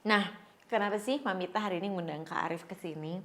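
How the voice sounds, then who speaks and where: A woman's voice: lowish voice, fast talker, fairly bright tone. A woman hosting a podcast in a casual, chatty way, mixing in English words and often echoing what her guest says. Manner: echoes guest's words and gives frequent backchannels; informal, mixes in English words. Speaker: podcast host.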